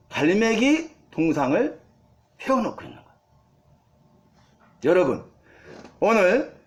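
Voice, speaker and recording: A man's voice: sits high, darkish tone. A man preaching a sermon to his congregation, asking them rhetorical questions and building to emphatic peaks. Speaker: pastor.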